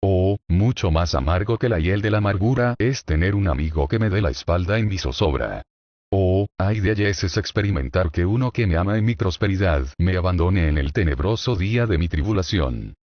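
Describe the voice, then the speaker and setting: A man with a very low, deep voice reads a sermon with solemn, declamatory weight. He builds his points through rhetorical questions. The recording is dull and lo-fi, with no room echo at all. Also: expressive, normal speed. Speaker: sermon reader.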